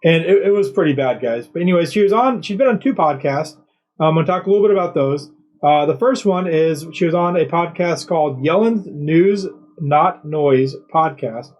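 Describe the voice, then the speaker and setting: A man's voice: fairly high pitch, expressive, moderate pace, a little mellow, low-quality recording. Rambling, sarcastic male host. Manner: rambling, sarcastic, filler-heavy. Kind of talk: mocking political commentary.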